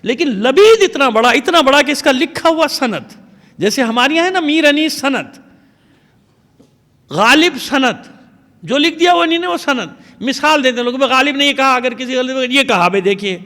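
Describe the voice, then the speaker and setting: A man's voice: very high voice, animated, bright, forceful tone. A man, a religious scholar, giving an emphatic, digressive sermon lecture and pleading with his listeners. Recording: long hall reverb.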